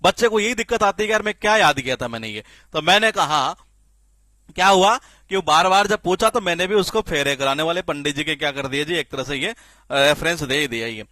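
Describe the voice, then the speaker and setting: A man teaching spelling in a classroom-style lecture, lively and repetitive, often asking the class questions and answering them himself. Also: a little high, brisk, dry recording. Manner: lively, repeats questions to the class, frequent filler "ye".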